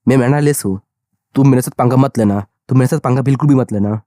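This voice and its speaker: A man's voice: mid-range voice, fast, warm tone, dry recording, clean studio sound, lightly acted. A man voicing a hot-tempered living rope relic that talks bluntly and threateningly in a manga recap. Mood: gruff.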